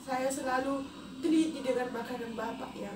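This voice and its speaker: A high-voiced woman in her thirties shares a personal story, her words halting and emotional. She sounds set back from the mic in an echoey space. Steady background noise runs underneath. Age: 30s. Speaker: vlogger. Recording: echoey distant mic with noisy ambience.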